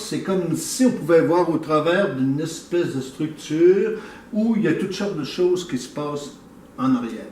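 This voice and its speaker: Mellow man, distant mic. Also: a little high, a little hiss or hum. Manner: thoughtful, hesitant, many fillers and restarts. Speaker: painter, interview guest. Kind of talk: casual explanation. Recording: echoey room, mic at a distance.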